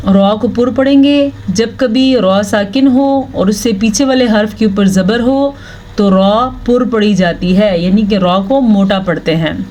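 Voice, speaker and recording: Slow, patient woman teaching recitation. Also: mid-range voice, mellow. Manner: explains rules patiently, then slowly chants each Arabic word; checks in with "thik hai" often. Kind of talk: slow, step-by-step tajweed lesson.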